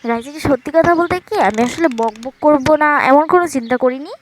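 A woman doing chatty voice-over commentary on a game, talking quietly into an earphone mic at home so she won't wake anyone. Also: sits high, fast, a little hiss or hum. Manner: talks quietly so as not to wake her sleeping parents; chatty, keeps addressing viewers. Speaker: gaming channel host. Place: room at home at night. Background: game music.

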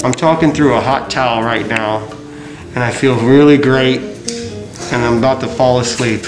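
A man's voice: medium pitch, steady tone, normal speed, over music. A man in his thirties, a TV host, chatting casually and boastfully on camera in a large barber shop. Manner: boastful, playful showman. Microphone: far camera mic. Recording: echoey room, far from mic.

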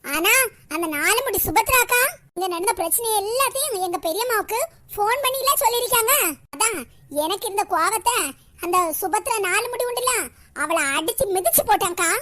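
A woman with a Kanyakumari Tamil accent voicing a scolding, indignant character in an animated comedy. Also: very high voice, moderate pace, dry recording.

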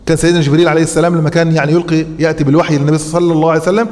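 Egyptian male sheikh lecturing, higher pitch, asks and answers his own questions, stops on fillers; long hall reverb. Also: flat delivery, rapid-fire, darkish tone. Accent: Egyptian Arabic. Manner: explains by posing rhetorical questions, with frequent hesitant fillers. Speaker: sheikh teaching Quran commentary. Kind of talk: classroom lecture on scripture.

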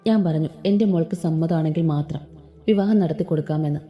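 A woman voicing a loving, remorseful middle-aged father in a Malayalam audio story, speaking gently and tenderly. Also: deep voice, brisk, lightly acted. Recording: slightly dull with soft background music.

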